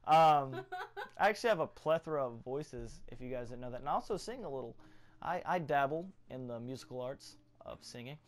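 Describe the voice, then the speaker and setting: A man's voice: medium pitch, lively intonation, brisk. A young man hosting a gaming channel, chatting casually in a rambling, joking way with lots of ums and uhs.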